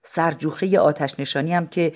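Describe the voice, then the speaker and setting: Brief: measured storybook narrator, even reading. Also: medium pitch.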